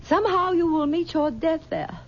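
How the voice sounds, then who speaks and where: Playing a possessive, aging mother in a 1970s radio drama, an actress uses an extremely high, expressive voice, coaxing and stammering as she halts. The broadcast is dull, with slight background noise.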